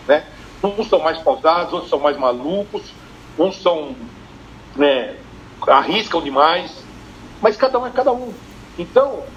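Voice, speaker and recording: An older Brazilian man, a family business consultant, telling lively stories in a live-streamed interview and acting out the dialogue. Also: high-pitched. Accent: Brazilian Portuguese. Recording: dull lo-fi stream, faint noise.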